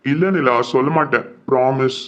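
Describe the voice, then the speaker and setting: A young man playing a caring older brother, who talks calmly and reassuringly to his worried sister in a web drama. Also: medium pitch, moderate pace, dull audio, lightly acted. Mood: concerned. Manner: reassuring, calm.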